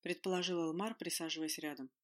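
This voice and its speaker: A woman narrating a fantasy audiobook with a lively, expressive delivery. Her voice sits on the low side for a woman. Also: fast.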